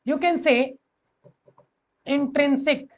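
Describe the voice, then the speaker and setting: A man's voice: very high-pitched, steady tone, very slow. A man teaching physics to school students, who repeats key phrases and keeps asking the class questions. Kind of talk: classroom lecture mixing Hindi and English.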